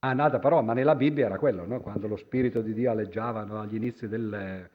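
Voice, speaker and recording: A man's voice: fairly low pitch, fast talker, phone-quality sound. A man giving a public lecture with slides, speaking conversationally, hesitating with fillers and constantly ending his phrases with a questioning "no?". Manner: hesitant, with many fillers and restarts. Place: lecture hall before an audience.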